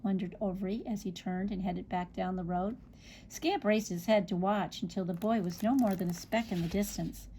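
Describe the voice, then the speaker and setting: A woman reading a children's picture book aloud, expressive, with small slips and restarts. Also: mid-range voice, normal speed, slight background noise. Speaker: storybook reader.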